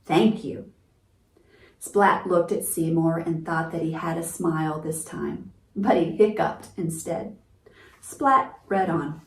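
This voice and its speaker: Reading picture books to small children, this storytime host keeps things simple and encouraging, like a teacher explaining as she goes. She has a deep voice and takes her time, and the distant mic captures a roomy sound with faint noise.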